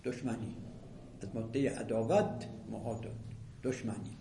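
A man giving a classroom lecture on Arabic rhetoric, reciting verses slowly and then explaining them plainly. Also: on the low side, vocal fry, dark tone. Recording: echoey room with faint ambient noise.

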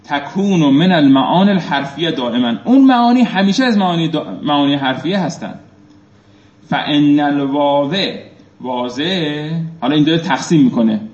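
In an echoey, dull-sounding room, a male teacher with a slightly high, darkish voice gives a seminary lecture on an Arabic text. He reads phrases from the classical text aloud, explains them, and frequently puts questions to his students.

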